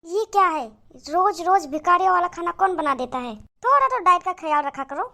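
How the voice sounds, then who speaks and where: Woman voicing a very high, snobbish city daughter-in-law. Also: animated, brisk, bright, forceful tone, full character voice. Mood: haughty. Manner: haughty and mocking. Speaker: cartoon voice. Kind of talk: cartoon moral story acting.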